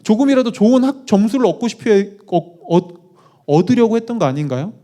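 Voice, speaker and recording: Animated, lively-voiced male pastor. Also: high voice, fairly quick. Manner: animated, asks the congregation questions, self-deprecating asides. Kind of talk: conversational sermon.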